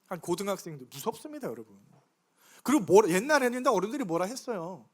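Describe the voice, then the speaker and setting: A middle-aged man preaches a Sunday sermon in a church, his voice sitting fairly high. He talks in a chatty, conversational way and keeps throwing questions to the congregation. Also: big pitch swings, fast talker. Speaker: pastor. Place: church sanctuary.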